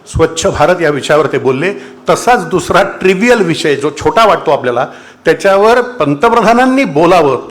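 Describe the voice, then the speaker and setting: A man with a Marathi accent, a doctor, giving a formal, measured speech at a public meeting, with a few hesitations. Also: fairly high pitch, fairly bright tone. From India. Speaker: doctor addressing a political meeting.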